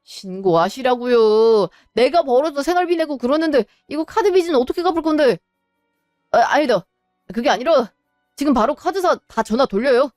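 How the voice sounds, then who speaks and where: A woman voicing a bitter, hot-tempered divorced adult son who shouts resentfully. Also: high voice, animated, normal speed, no echo, clean studio sound, faint music behind. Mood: furious. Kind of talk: Korean web drama voice acting.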